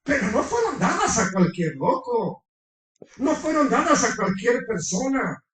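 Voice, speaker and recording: Brief: male preacher, very high and sharp voice, heated sermon delivery, distant mic in a reverberant room. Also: sing-song, a little slow. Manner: fervent, quizzes the congregation, breaks into shouting. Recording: echoey room, far from the mic.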